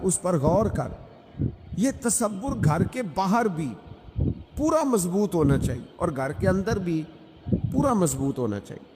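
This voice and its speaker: A man delivering an emphatic, rhythmic sermon, repeating phrases and reciting Arabic verses. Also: on the high side. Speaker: Islamic preacher. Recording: echoey hall, noisy.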